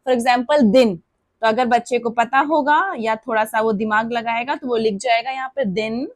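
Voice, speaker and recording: A woman walks parents through a children's letter lesson. Her voice sits high, and she repeats example words slowly and draws them out. The sound is dry, with no room echo. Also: fairly even intonation. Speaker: preschool Hindi teacher.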